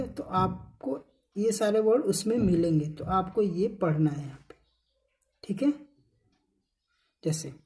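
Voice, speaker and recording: A woman's voice: medium pitch, dark tone. A woman with a Hindi accent teaching an English phonics lesson, asking questions and answering them herself as she drills each word. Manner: repeats questions and answers, drills words slowly.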